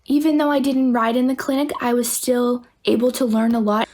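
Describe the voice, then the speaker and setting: A woman's voice: a little high, fairly even intonation, brisk, darkish tone, slight background noise. A woman giving an informal recap of what she observed as a spectator. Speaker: clinic spectator.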